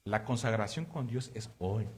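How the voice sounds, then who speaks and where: A man preaching a sermon, moving between loud emphatic passages and hushed confessional storytelling. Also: lowish voice, lively intonation, moderate pace. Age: adult father of three.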